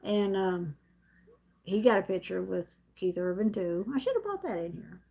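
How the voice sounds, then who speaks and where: A woman's voice: medium pitch, lively intonation, moderate pace, vocal fry, dark tone. A middle-aged woman telling a story on her own live stream at home, rambling and chatty, laughing often and restarting her sentences. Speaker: vlogger hosting a live stream. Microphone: camera set up in front of her.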